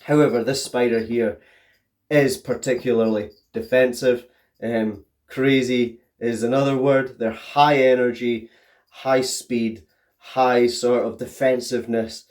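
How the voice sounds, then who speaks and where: A man presents a casual pet vlog in a mid-pitched voice. He sounds stuffed up, as if his throat and tonsils are swollen from hay fever. His delivery is chatty and explanatory, aimed straight at his viewers. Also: steady tone, measured pace, darkish tone. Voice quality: thick, congested voice. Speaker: tarantula keeper and video host.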